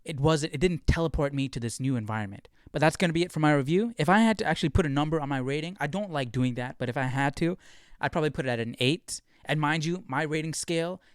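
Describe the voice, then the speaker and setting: Relaxed man reviewing a film, dry sound. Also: on the high side, fast, clean tone, dry recording. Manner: relaxed, conversational, thinking out loud. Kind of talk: casual video review.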